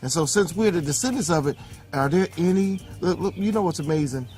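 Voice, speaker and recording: A man's voice: fairly high pitch, animated, fairly quick, darkish tone. A man in casual conversation who talks emphatically and backs up his partner. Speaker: co-host.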